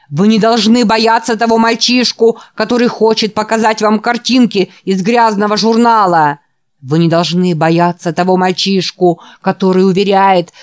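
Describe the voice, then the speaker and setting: In an audiobook, a woman performs a frenzied male evangelist at a youth revival, loud and raised as he drives a call-and-response sermon. Her natural voice sits at medium pitch, and the mood is ecstatic.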